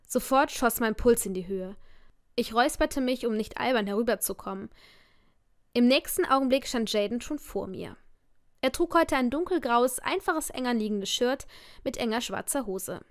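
Woman reading a romance audiobook, first person, expressive, slightly high voice. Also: moderate pace, dry recording, studio quality. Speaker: audiobook narrator. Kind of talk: audiobook narration of a romance novel.

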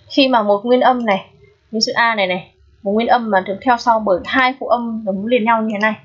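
Husky-voiced woman teaching pronunciation. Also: medium pitch. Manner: patient, often checks in with questions. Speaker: English teacher. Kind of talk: explaining pronunciation lesson. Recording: dull lo-fi recording.

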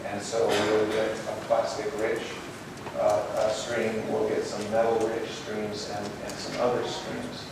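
Man presenting in a booming echoey ballroom. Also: monotone, unhurried, creaky. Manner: friendly, loose, with frequent uh and um. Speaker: program manager giving a keynote. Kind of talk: conference presentation. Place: large hotel ballroom, on stage. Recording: echoey ballroom from far off with hiss.

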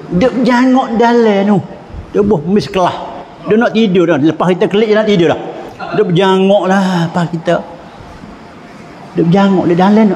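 A man's voice: fairly high pitch, a little mellow, a little hiss or hum. A man with a Pattani Malay accent giving a humorous Islamic lecture, telling anecdotes and chuckling often. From southern Thailand. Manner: anecdotal storytelling with frequent chuckles. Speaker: Islamic religious teacher. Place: mosque hall. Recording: echoey mosque hall.

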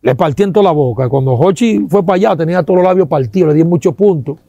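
A man with a Dominican accent giving an animated testimony, acting out sounds and quoting people, with religious exclamations. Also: fairly high pitch, quick pace, creaky, no echo, lo-fi sound.

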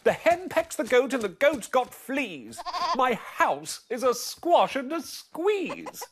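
A man voicing a fussy, flustered little old woman who wails and pleads in a high voice. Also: wildly swooping pitch, slow, background noise, full character voice. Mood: pleading.

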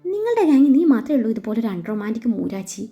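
A woman's voice: on the high side, very animated, very fast, warm tone. A woman voicing a young man who playfully teases his fiancée in a read-aloud story. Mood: teasing. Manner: playful, mock-scolding. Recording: slightly dull with faint music.

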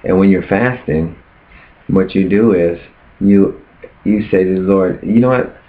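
A man's voice: low voice, fairly even intonation, a little slow. A man preaching earnestly in a casual vlog, often asking rhetorical questions. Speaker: preacher sharing his fast. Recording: tinny phone-like sound.

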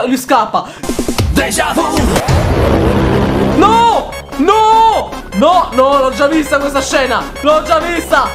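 High-voiced guy doing reaction vid, super excitable, yells a lot, some faint music behind. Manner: excitable, jokey, bursts into shouted reactions. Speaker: YouTuber host. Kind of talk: reaction video commentary.

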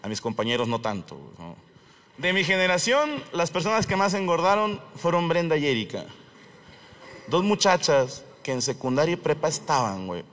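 A man's voice: on the high side, normal speed. A man with a Mexican accent doing a stand-up monologue on a comedy stage, telling stories with plenty of swearing and acting out the people he quotes. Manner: profane, lively storytelling, acting out quoted voices.

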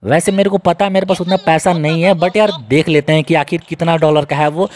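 A young man, giving casual, excitable, joking commentary on a video game as he plays and talks to his viewers. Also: fairly high pitch, fairly quick, slight background noise. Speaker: gaming YouTuber.

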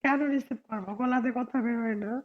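A hoarse woman with a cold, hosting a casual live stream and arguing sharply with viewers. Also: on the high side, fast, highs cut off. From Bangladesh. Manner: argumentative, answers viewers sharply.

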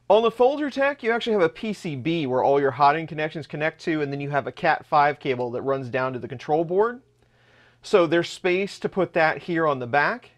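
A man in his thirties hosting a hands-on 3D printer build vlog in his home workshop, explaining parts as he shows them. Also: a little high. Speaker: channel host.

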